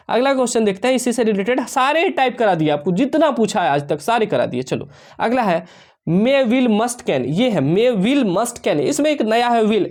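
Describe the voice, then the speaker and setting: Man teaching an exam-prep lesson. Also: high-pitched. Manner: explains step by step, reads English sentences slowly; addresses students warmly as dear children.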